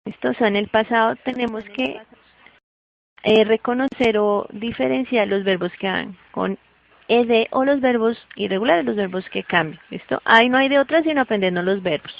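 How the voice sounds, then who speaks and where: A woman teaches a class, explaining each step patiently and pausing often to check that her student follows. Her voice has a gravelly, fry-tinged edge. The recording sounds dull and lo-fi. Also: on the high side. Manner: patient, keeps checking understanding. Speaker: English teacher.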